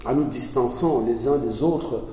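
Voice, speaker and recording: A Belgian man with a medium-pitched, warm voice is interviewed as an essayist guest, speaking at a measured pace. He talks earnestly but hesitantly, often restarting phrases. The recording sounds distant, as if captured from far off in an echoey hall.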